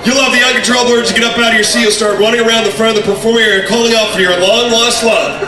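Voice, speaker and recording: A man's voice: very high-pitched, fairly even intonation, very fast. A man working as a stage hypnotist, addressing audience and volunteers in a commanding patter full of repeated phrases. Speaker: stage hypnotist, show host. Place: large echoey hall on stage. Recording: echoey hall PA from far off, music and crowd. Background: music and crowd noise.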